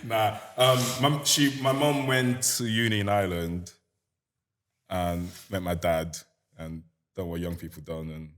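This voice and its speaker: A young man with a Nigerian accent speaks in a very low voice. He tells his story in a relaxed, chatty way, laughing often and slipping into casual slang. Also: a little slow. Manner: relaxed, laughing, lots of "you get me" slang. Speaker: guest musician. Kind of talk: casual interview chat.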